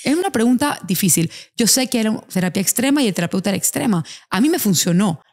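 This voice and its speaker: A woman's voice: medium pitch, lively intonation, fast, a little mellow. A woman hosting a podcast, telling stories animatedly and acting out the voices of people she quotes. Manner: tells anecdotes animatedly, acts out quoted voices. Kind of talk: casual podcast conversation.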